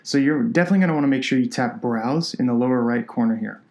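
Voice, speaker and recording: A man's voice: medium pitch, fast talker. Nasal-voiced man explaining a tutorial. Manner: relaxed, conversational step-by-step explaining. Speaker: product designer. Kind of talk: screencast software tutorial.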